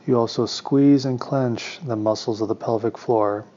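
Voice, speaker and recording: Speaking in a mid-range voice, a man guides a meditation as its teacher. His directions are calm, measured and soothing, with pauses in between, and the recording is a bit muffled.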